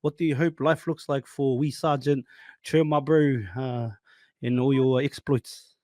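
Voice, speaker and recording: A man's voice: mid-range voice, fairly even intonation, a little slow, a little mellow, no room sound. A man with a broad New Zealand accent hosting a casual interview in a slangy, matey, encouraging way. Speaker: podcast host.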